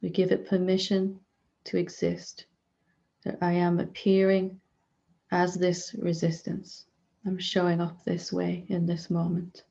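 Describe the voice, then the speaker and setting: Her pitch fairly low and her tone monotone with vocal fry, a woman guides listeners through meditation as a spiritual teacher. She speaks softly in brief, slow phrases with long silences between. The recording is muffled.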